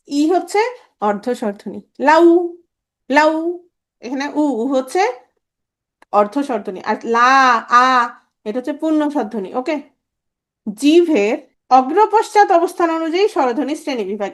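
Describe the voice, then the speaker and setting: A woman teaching a grammar lesson, drilling sounds over and over and quizzing her students with quick questions. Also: high-pitched, darkish tone. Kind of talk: grammar lecture.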